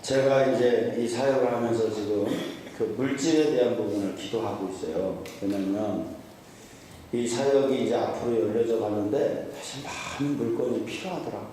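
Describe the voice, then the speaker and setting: A man preaching as a pastor at a conference, playful, often quizzing the congregation with quick questions. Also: lowish voice, mellow, slight background noise. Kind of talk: sermon at a conference. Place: large church hall. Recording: echoey hall from far off.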